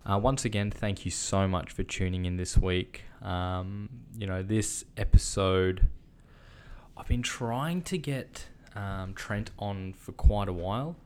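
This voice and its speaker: An Australian man hosting a casual podcast in a rambling, halting, informal way. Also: sits low, darkish tone, clear, resonant tone. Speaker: podcast host. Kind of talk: casual podcast introduction and interview.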